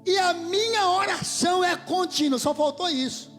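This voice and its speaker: High-voiced fervent Brazilian preacher. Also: male voice, normal speed, faint music behind. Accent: Brazilian Portuguese. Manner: fervent, swells to shouts and drops to near whispers. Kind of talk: sermon. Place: church hall. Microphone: handheld microphone.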